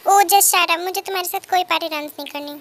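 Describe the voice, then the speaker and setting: A woman's voice: very high voice, fairly even intonation, rapid-fire, a bit bright. A woman plays a lovesick, teasing teenage girl who sulks and pleads. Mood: sulky. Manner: pleading, sulky.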